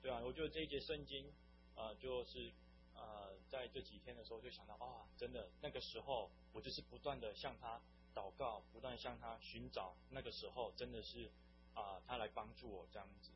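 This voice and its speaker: A man's voice: mid-range voice, brisk, music in the background. A young man giving an earnest, meandering personal faith testimony. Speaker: testimony speaker. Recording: dull lo-fi recording with faint hum.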